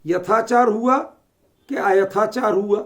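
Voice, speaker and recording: Speaking slowly in a high, slightly bright voice, a man with a Delhi Hindi accent leads a scripture lesson. He questions his audience often, checking that they understand.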